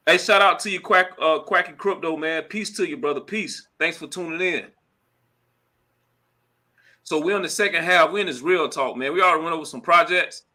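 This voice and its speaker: Bright-voiced dude chatting on his live stream at the laptop mic, slangy, lots of shout-outs. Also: a little high. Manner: slangy and chatty, full of "you know what I'm saying" and shout-outs. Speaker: host of a crypto live stream. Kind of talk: casual live-stream talk. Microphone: computer mic at a laptop.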